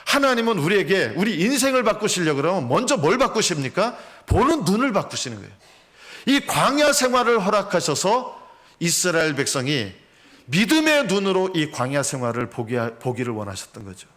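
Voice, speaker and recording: A male pastor preaching a sermon in a church sanctuary. His voice sits fairly high and moves in wide, lively swings. He keeps putting rhetorical questions to his listeners. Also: brisk. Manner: asks the congregation rhetorical questions; animated preaching, acts out quotes.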